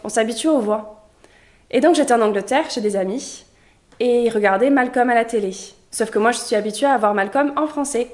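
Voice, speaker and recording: Chatty young Frenglish vlogger woman. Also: fairly high pitch. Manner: lively, chatty storytelling. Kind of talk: casual vlog monologue.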